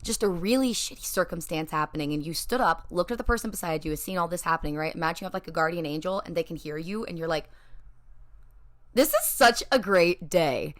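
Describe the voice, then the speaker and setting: A woman hosts a solo podcast and talks straight into her microphone. Her voice sits slightly low for a woman. She rambles in a lively, casual way and swears now and then. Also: quick pace, few pauses. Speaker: podcast host.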